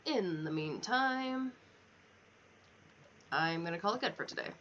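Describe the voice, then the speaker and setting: Thinking out loud and muttering as she plays, a woman livestreamer chats casually through a video game session. Her lowish, fairly bright voice has lively intonation and a measured pace, and the dull lo-fi mic lets clear background noise through.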